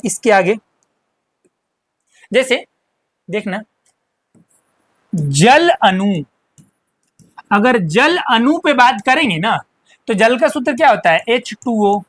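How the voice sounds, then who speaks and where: A woman teacher giving a chemistry lesson, who asks and answers her own questions and repeats key terms slowly. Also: on the high side, no room sound.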